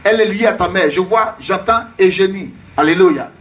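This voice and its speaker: A man's voice: high voice, normal speed, highs cut off. A man preaching as a prophet, emphatic and repetitive, calling out names and Alléluia in call-and-response.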